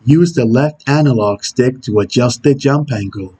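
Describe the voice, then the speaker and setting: Husky, stern, brooding game antihero played by a man, medium pitch, delivering terse tutorial instructions. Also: normal speed, dark tone, lightly acted. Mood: stern, instructional. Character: Shadow, brooding male video game antihero giving tutorial hints. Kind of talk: character impression reading game tutorial instructions.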